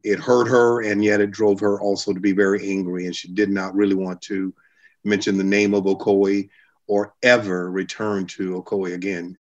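A man's voice: sits low, level tone, normal speed. A middle-aged or older man giving personal recollections in an interview. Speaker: interviewee recalling his grandmother. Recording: slightly dull interview audio.

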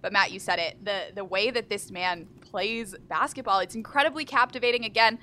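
A woman's voice: mid-range voice, brisk, bright, forceful tone. A woman from Houston hosting a live basketball talk show, speaking with enthusiastic emphasis. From Houston, Texas. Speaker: sports show host.

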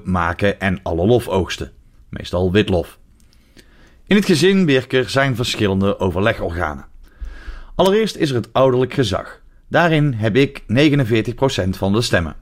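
A Dutch man in his forties with a Dutch accent, reading his humorous column aloud on the radio in a dry, ironic way. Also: on the low side. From Netherlands. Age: 40s.

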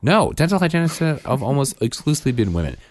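A man's voice: medium pitch, sing-song, fast, no echo. A man hosting a casual podcast chat, blunt and dry, swearing freely. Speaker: podcast host.

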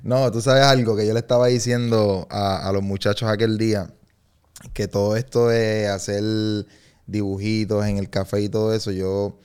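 A Puerto Rican man talks earnestly as a guest in a casual podcast interview. His voice is fairly low and sounds smooth and clear. He often checks in with tag questions as he speaks. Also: level tone, moderate pace, darkish tone. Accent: Puerto Rican Spanish. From Puerto Rico.

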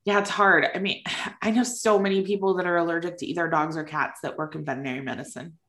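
A woman's voice: lowish voice, steady tone, fast talker, a bit bright. A woman co-hosting a casual podcast, recorded with a big echo in a large, empty room. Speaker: podcast co-host.

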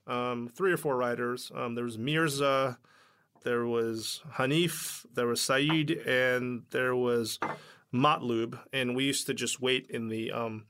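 A man's voice: medium pitch, creaky, bright, forceful tone. A man, a startup founder and guest, recalls his early days in a casual interview, full of "like" fillers and acted-out dialogue. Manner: chatty, heavy with "like" fillers, acts out dialogue.

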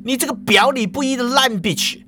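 A man's voice: very high voice, big pitch swings, a little fast, fairly bright tone, pitched above the performer's own voice, exaggerated voice. Man putting on a haughty ghostly shop clerk woman. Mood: scornful. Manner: scornful, bossy.

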